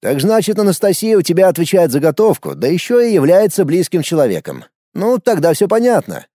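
A man's voice: high voice, big pitch swings, moderate pace, mellow, dry recording, clean studio sound, pitched above the performer's own voice. A man voicing a smug, nosy young man who thinks he knows all about women, talking with sarcastic, insistent teasing. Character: smug, nosy young man, self-styled ladies' expert.

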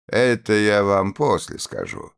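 A man's voice: fairly low pitch, big pitch swings, takes it slowly, voice pushed up, full character voice. Man doing a sneering young police officer. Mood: contemptuous. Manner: curt, sneering, commanding.

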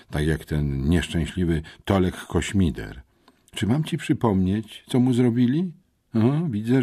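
A man reading an audiobook, voicing a hoarse, embarrassed teenage boy who calmly delivers gang threats. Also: deep voice, no echo, studio quality, voice pushed up, exaggerated voice. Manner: calm, smoothly menacing. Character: hoarse, sly teenage schoolboy racketeer messenger.

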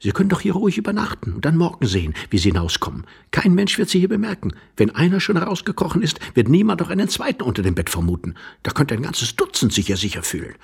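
A man's voice: fairly high pitch, wildly swooping pitch, fast talker, gravelly, few pauses, slightly rough, voice pushed up, full character voice. A man voicing a sneering, agitated young man. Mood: agitated, mocking. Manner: impatient, sneering and urgent, often hushed. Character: agitated, mocking young man hiding under a bed.

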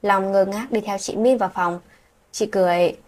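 A woman narrates a late-night story in a soft, breathy voice that sits at an ordinary middle pitch. She reads every character's lines herself, shifting her voice only a little from role to role. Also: fairly even intonation, normal speed.

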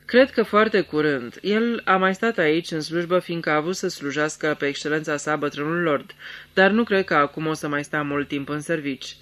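A man's voice: on the high side, fairly bright tone, close to an everyday voice. A man voicing a sly, fawning jockey servant in a radio theatre reading, servile and ingratiating.

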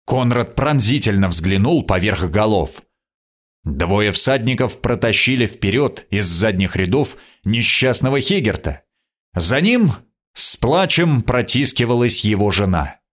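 A man reading a first-person adventure story aloud as an audiobook narrator, expressive in delivery. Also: fairly low pitch, unhurried.

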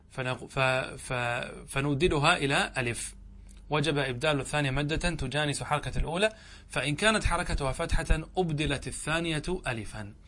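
Man teaching grammar, slow and questioning. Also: fairly high pitch, a bit bright. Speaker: sheikh teaching Arabic grammar. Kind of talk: classroom lesson explaining a grammar text.

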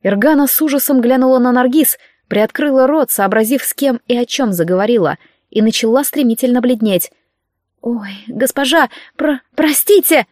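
A woman's voice: fairly high pitch, fairly quick, darkish tone, no room sound, clean studio sound. Woman narrating a fantasy audiobook.

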